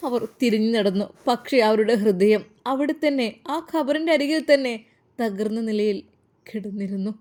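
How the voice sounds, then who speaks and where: A woman storyteller with a Malappuram Malayalam accent reads a scripted religious tale. Her delivery is dramatic and mournful, and her voice sits somewhat high. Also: normal speed, darkish tone. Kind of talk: scripted emotional narration.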